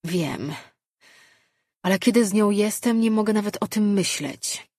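A woman's voice: medium pitch, unhurried, a little mellow, slightly rough, no room sound, studio quality, voice pushed up. A woman voicing a guilt-ridden young man in love in an audiobook. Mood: sheepish.

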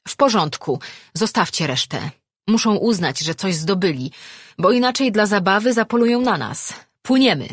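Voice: mid-range voice, a little slow, fairly bright tone, breathy edge, no room sound. A narrator voicing a stern male fishing captain who barks orders at his crew. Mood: urgent. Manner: barking orders.

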